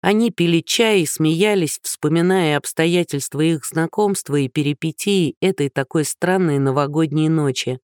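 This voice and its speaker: A man narrating an audiobook in an even, measured storytelling manner. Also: on the high side, smooth, no echo, clean studio sound. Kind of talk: scripted narration.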